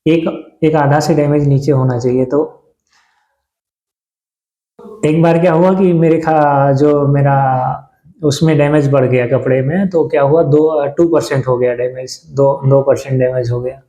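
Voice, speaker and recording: A man in his thirties chatting reflectively to camera in a halting way, pausing and restarting often. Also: medium pitch, steady tone, dark tone, roomy sound, rough recording. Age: 30s. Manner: halting, with many pauses and restarts. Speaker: vlogger. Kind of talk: casual reflective talk to camera.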